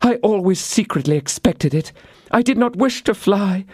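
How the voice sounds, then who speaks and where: A woman's voice: medium pitch, animated, moderate pace, darkish tone, slightly rough, dry recording, studio quality, pitched above the performer's own voice. A man voicing Constance, a frail, frightened young woman who is dying, in an audiobook reading. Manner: breathless, pleading.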